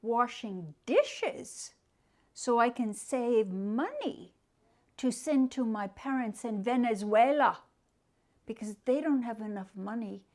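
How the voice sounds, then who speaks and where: A hard-up carriage driver in a children's story, gruff and worn out, as a woman reader puts him on. The lines come slowly with plenty of rise and fall. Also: lively intonation, a little mellow. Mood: weary. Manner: barking orders, then tired and low. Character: struggling male carriage driver, stern then weary.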